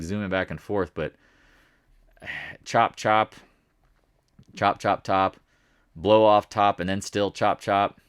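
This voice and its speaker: A man with a lowish voice talks through his market charts in a loose, chatty way. He jokes, trips over his words and backtracks often. The sound is dry and close, with no room around it. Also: fairly bright tone, no echo. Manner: rambling, self-correcting, jokey. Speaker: market commentator. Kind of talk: casual market recap.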